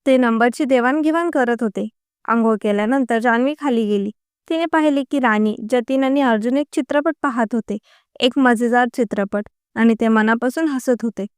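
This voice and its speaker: A woman narrating a story in an even, unhurried reading voice. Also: fairly high pitch, clear, resonant tone, dry recording, studio quality.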